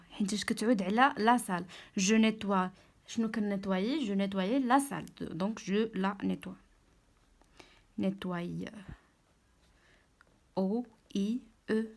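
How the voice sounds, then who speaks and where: A young woman with a Moroccan Arabic accent, an online tutor explaining a French lesson, dictating French words slowly. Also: medium pitch.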